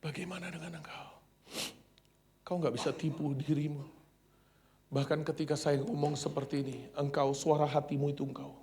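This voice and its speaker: A male pastor preaching a sermon dramatically, swinging between loud cries and hushed near-whispers, dropping English phrases into his talk. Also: a little high, level tone, fairly quick, a little hiss or hum.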